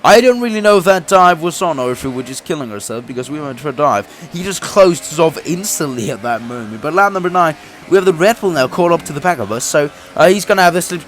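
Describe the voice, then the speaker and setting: Fast-talking and expressive, this young man has a fairly high, somewhat bright voice. He's a gaming YouTuber who says he is sick, and his voice is slightly off while he talks through a racing game career race, laughing often and beginning sentences again.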